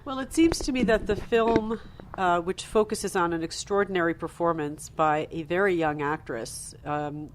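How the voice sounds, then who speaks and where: A woman's voice: fairly low pitch, normal speed, slight background noise. A woman editor hosting an interview in a festival studio, framing long questions with occasional fillers. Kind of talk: interview host.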